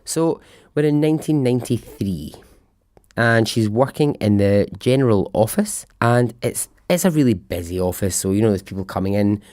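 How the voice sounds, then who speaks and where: A man's voice: lowish voice, lively intonation, moderate pace, darkish tone, no room sound. A man with a thick Scottish accent hosting a storytelling podcast in a chatty, informal, sweary way, close to the microphone. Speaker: podcast host.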